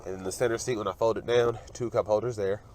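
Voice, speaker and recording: Lowish man with a cold, casual car review. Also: fairly even intonation, fast talker, a little mellow, slight background noise. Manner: casual, matter-of-fact pointing out features. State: getting over a cold. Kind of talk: walkaround car review narration. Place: in and around a parked car outdoors.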